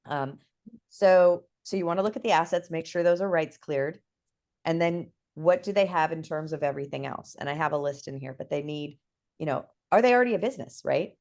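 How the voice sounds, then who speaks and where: A woman's voice: sits low, a little fast. A woman talking casually as a guest expert, explaining things in a chatty way and often checking in with "right?". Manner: lively, chatty, lots of "right?" and fillers. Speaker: guest expert on NFT projects.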